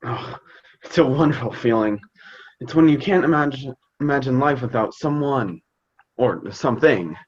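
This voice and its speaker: Man as fond fumbling dad, lively swooping pitch, halting delivery, theater comedy, slightly dull lo-fi sound. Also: close to an everyday voice. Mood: gentle, sincere. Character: fond, hesitant, slightly awkward suburban dad. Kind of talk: scripted youth theater comedy acting.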